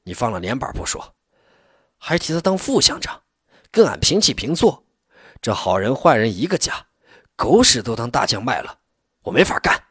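A man's voice: on the low side, very animated, fairly quick, a bit bright, slightly rough, no echo, clean studio sound, heavily acted. A man doing a blunt, hot-tempered village head. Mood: indignant. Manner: blunt, indignant.

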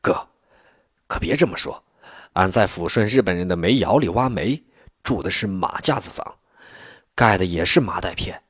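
A man voicing a young communist cadre who reassures poor villagers earnestly, with a husky voice. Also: sits low, expressive, normal speed, long pauses, a bit bright, no echo, clean studio sound, full character voice. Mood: reassuring.

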